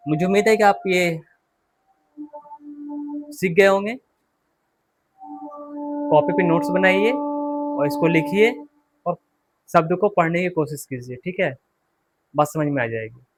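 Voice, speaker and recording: Slow-drilling male English teacher. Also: sits high, animated, faint music behind. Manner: slow, repeats words and asks students to repeat; drills words one by one, quizzing the class. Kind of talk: classroom pronunciation lesson.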